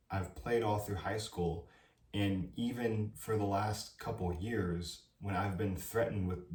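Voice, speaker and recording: A man's voice: deep voice, a little mellow, reverberant, far from the mic. A young man who is a college student giving emphatic, preachy advice in a casual vlog, often asking "right?". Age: young adult. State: dry throat.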